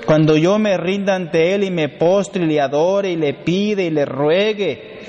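A man's voice: high voice, a little slow, darkish tone, muffled recording. A man, a priest giving a sermon in emphatic repeated lists, with humorous storytelling asides. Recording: long hall reverb, faint background noise.

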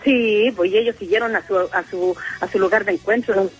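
A woman's voice: mid-range voice, fairly even intonation, fairly quick, husky, faint music behind, low-quality recording. A middle-aged Chilean woman calling in to a radio show, telling a story in an emotional, rambling way. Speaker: caller. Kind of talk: phone-in confession.

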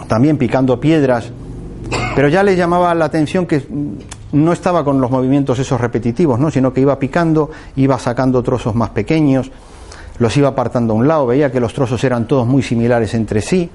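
A man's voice: medium pitch, fairly quick, darkish tone. A man from giving a reflective talk, thinking aloud with fillers and restarts as he tells a short parable. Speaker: speaker giving a motivational talk.

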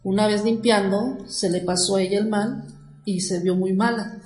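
A woman's voice: medium pitch, fairly even intonation, moderate pace, a little mellow, faint music behind. A middle-aged woman, telling a personal story in an emotional, rambling way with many fillers. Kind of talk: casual storytelling. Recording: echoey room.

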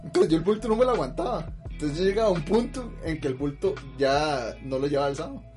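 A man with a Costa Rican accent telling a story in casual chat, lively and full of slang fillers, often laughing. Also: fairly high pitch, fast talker, soft background music. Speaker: podcast host telling a story.

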